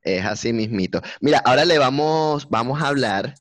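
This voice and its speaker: A man's voice: mid-range voice, animated, normal speed, a bit bright, dry recording, studio quality. A man hosting a radio chat in a playful, teasing way. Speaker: host.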